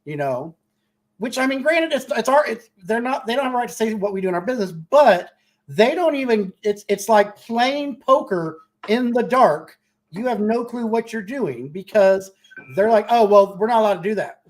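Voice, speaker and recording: A man's voice: high voice, lively intonation, normal speed. A man speaking as a contractor on a casual panel discussion, blunt and rambling with many restarts.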